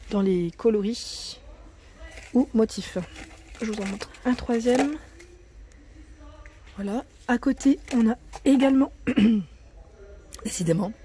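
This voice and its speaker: A woman films herself in a store aisle on a handheld phone, chatting her way through the shelves. Her voice is mellow but cracks in the early morning, and she keeps correcting herself, sometimes dropping to a near whisper. Faint store noise sits behind her. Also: medium pitch. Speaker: vlogger showing new store arrivals. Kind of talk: casual product walkthrough.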